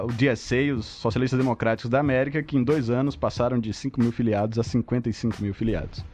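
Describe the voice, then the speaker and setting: A man's voice: medium pitch, darkish tone. Brazilian guy hosting a podcast, emphatic and playful, faint music behind. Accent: Brazilian Portuguese. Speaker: co-host. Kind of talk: podcast opening narration.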